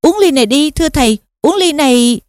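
A woman's voice: sits high, lively intonation, brisk, a little mellow, no room sound, studio quality. A woman voicing a desperate teenage boy wizard, urging and pleading frantically.

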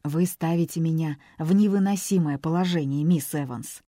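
Brief: woman doing a gentle teasing man in an audiobook, quiet, mellow. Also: sits low, moderate pace, no room sound, studio quality. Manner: soft-spoken, gentle.

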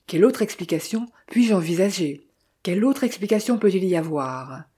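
An audiobook figure: a proud gentleman thief in love, earnest and insistent in his questions, as a woman reads him. The voice stays mellow and darkish with a soft huskiness. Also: lowish voice, expressive, normal speed, breathy edge.

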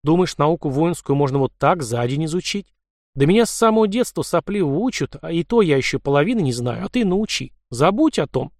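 A man's voice: a little high, very animated, brisk, dry recording, studio quality. A man reading the part of a blunt, plain-spoken young Cossack man in an audiobook. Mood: scolding.

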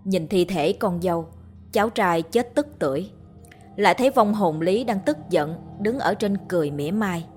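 A woman storyteller reading a ghost story in a steady, measured way. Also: fairly low pitch, soft background music. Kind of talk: scripted narration of a ghost story.

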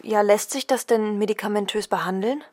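A woman's voice: medium pitch, fairly quick, darkish tone, no echo, natural voice. A woman playing an anxious, indignant woman in her thirties, in naturalistic radio drama style. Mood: bewildered. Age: 30s.

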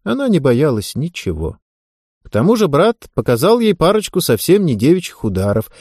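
A man narrating an audiobook in an even, measured reading. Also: on the high side, husky, no room sound, clean studio sound. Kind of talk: scripted narration.

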